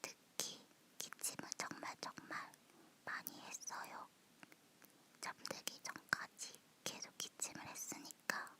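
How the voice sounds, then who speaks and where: Female ASMR host, leaning in to whisper, unhurried personal chat, crisp bright breath tone. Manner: soft close whisper, as if leaning in.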